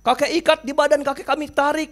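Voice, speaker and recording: Urgent rescue crew, high and raised voices, as a preacher voices them. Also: male voice, little pitch movement, fast talker, fairly bright tone. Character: urgent rescue team men calling out.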